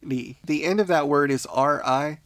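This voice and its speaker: A man's voice: on the high side, normal speed, a bit bright, dry recording. A man teaching a casual beginner language lesson on a podcast, patient and laughing often.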